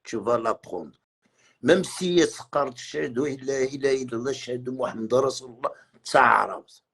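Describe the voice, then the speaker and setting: A man's voice: medium pitch, quick pace, vocal fry, fairly bright tone, slightly rough. A man on a live stream, ranting in a heated, repetitive way and mixing in words from other languages. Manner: agitated, repetitive, mixes French with Arabic and Kabyle. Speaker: livestreamer.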